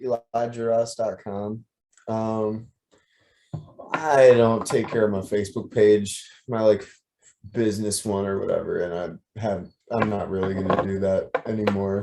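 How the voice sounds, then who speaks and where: A young man with a dark, mellow voice chats as a podcast guest. He speaks easily and modestly, leaning on "like" and "you know" as he talks. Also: fairly low pitch. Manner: relaxed, filler-heavy, modest. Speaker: musician guest. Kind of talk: casual interview chat.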